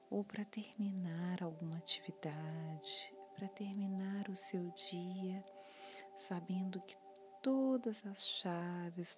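Slow, whispery woman guiding relaxation. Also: mid-range voice. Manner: soft, often whispered, calm and soothing. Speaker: meditation guide. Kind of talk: guided relaxation body scan.

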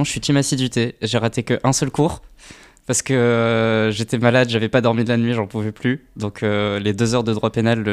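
Relaxed young man, hesitant guest. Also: lowish voice. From Paris, France. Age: young adult. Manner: relaxed, hesitant, many fillers. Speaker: student guest. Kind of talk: casual radio interview.

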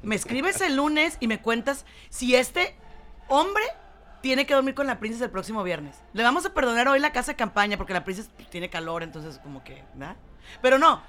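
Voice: medium pitch, expressive, a little fast, a bit bright. A co-host with a Mexican accent, chatting casually and teasing their partner in banter. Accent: Mexican Spanish. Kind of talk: casual chat.

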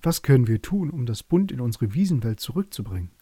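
A man's voice: medium pitch, sing-song, quick pace, dark tone, husky, dry recording, studio quality. A man voicing a skeptical raven in a bedtime story. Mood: doubtful. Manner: doubting questions.

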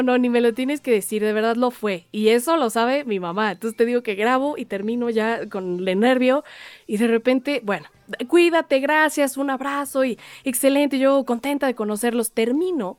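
A woman's voice: fairly high pitch, moderate pace, no room sound. A young woman, hosting an interview and telling an anecdote animatedly, acting out quoted voices. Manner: lively, acts out quoted voices, laughs often.

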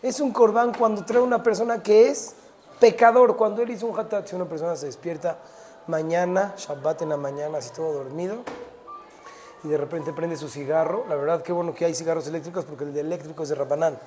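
A Torah teacher giving a short talk, animated, mixing in Hebrew terms and acting out little dialogues. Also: medium pitch, brisk.

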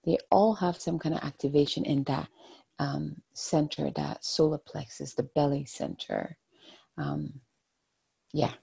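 A host giving a spiritual card reading and guided meditation in a soft, soothing, breathy, husky voice. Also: medium pitch, measured pace. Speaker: host, oracle card reader.

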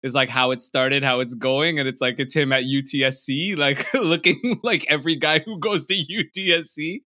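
A man hosting a casual podcast, telling stories in an animated, slangy way. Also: on the high side, moderate pace. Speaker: podcast host. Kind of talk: casual chat.

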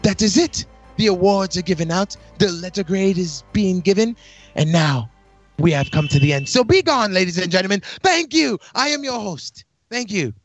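A man's voice: high-pitched, animated, normal speed, highs cut off, faint music behind. A man hosting a casual wrestling podcast, playful and theatrical, slipping into announcer-style flourishes. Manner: playful, theatrical, sing-song announcer bits. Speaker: podcast host.

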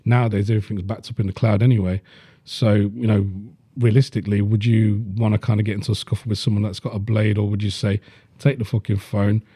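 A man's voice: lowish voice, flat delivery, fast talker, warm tone, slightly rough, no room sound, studio quality. A man, chatting bluntly on a podcast and swearing freely. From Leicester, England. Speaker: podcast host. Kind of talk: casual chat.

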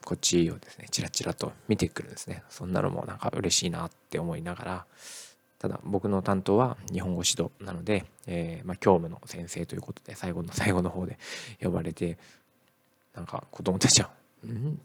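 A middle-aged male teacher talking casually in a podcast monologue, relaxed and full of "eh" fillers. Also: sits low, fairly quick, gravelly, husky, dry recording.

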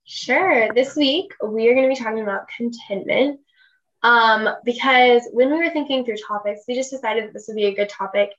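A woman's voice: on the high side, normal speed, fairly bright tone, highs cut off. A young woman co-hosting a podcast, chatting casually and using plenty of "like" fillers. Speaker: podcast co-host. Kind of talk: casual chat.

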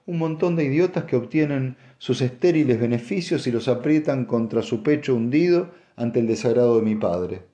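A man's voice: lively intonation, moderate pace, mellow, lightly acted. A man reading an audiobook and voicing a haughty, scheming noblewoman with a cold, cutting manner. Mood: icy mocking. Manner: cutting, mocking, rising to shrill insistence.

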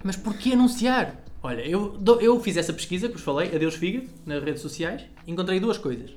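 A man's voice: sits high, lively intonation, brisk, darkish tone. A man, hosting a casual chat in a teasing, colloquial way. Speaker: podcast host.

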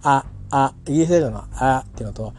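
A man's voice: medium pitch, expressive, rapid-fire, mellow, slight background noise. A man talking casually about a pronunciation book, rambling and often correcting himself with many fillers. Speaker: English pronunciation learner reviewing a book. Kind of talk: casual spoken book review.

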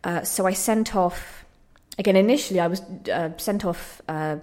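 A young woman, a playwright being interviewed, answers reflectively in a hesitant, self-deprecating, thoughtful manner. Her voice sits on the low side with a darkish tone, and she speaks at a moderate pace.

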